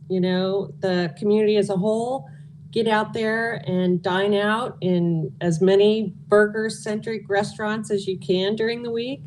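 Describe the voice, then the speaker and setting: A woman with a mid-pitched voice gives informal interview answers. She talks candidly and conversationally as a community organizer. Faint ambient noise sits behind her. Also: a little mellow, poor audio. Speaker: interview guest, local food and beverage nonprofit organizer.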